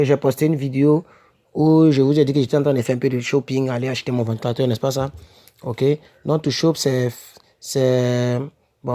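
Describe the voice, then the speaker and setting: Slow-paced man teaching English words. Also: mid-range voice, darkish tone. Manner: repeats words slowly, asks "n'est-ce pas?" and "ok?" often, self-corrects. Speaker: English teacher for French speakers. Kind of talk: casual home-made vocabulary lesson.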